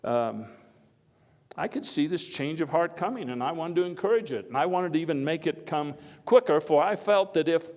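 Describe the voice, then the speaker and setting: A historical reenactor plays Theodore Roosevelt as a hearty, folksy elder statesman, delivering a halting, oratorical first-person speech full of reminiscence and storytelling. His voice is on the high side and darkish, animated and determined. The echoey hall leaves a long reverb.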